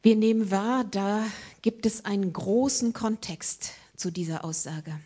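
Preaching woman with a breathy voice. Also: medium pitch, measured pace. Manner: dramatic shifts between emphatic lines and hushed whispers; addresses congregation directly, rhetorical questions. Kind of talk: sermon.

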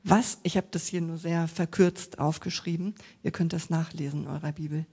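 A woman's voice: low-pitched, fairly even intonation, fairly quick, dark tone, husky. A woman preaching a sermon who retells a Bible story and asks her listeners direct questions.

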